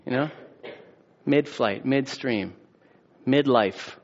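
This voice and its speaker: A man's voice: mid-range voice, slow, lo-fi sound. A man preaching a sermon as a pastor, casual and conversational, with rhetorical questions and a closing prayer.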